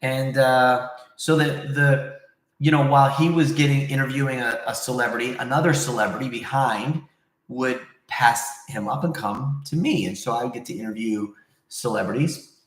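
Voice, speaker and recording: A man's voice: medium pitch, moderate pace. A man hosting a casual livestream, rambling conversationally as he answers viewers, recorded in a very echoey room. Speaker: livestream host.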